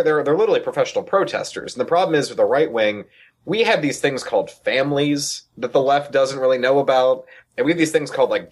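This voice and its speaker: A man speaking as an activist guest in a casual, rambling conversation. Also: medium pitch. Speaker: interview guest, political activist.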